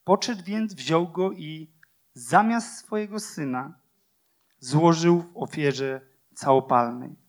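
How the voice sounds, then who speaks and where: A man preaching a sermon with passion, using repeated phrases and rhetorical questions, and swinging from loud declarations to hushed, quiet lines. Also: fairly high pitch, slow.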